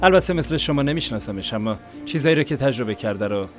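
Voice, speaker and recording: A man dubbing a calm man who agrees during a tense conversation. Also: medium pitch, soft background music, lightly acted. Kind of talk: Persian dub of a TV drama.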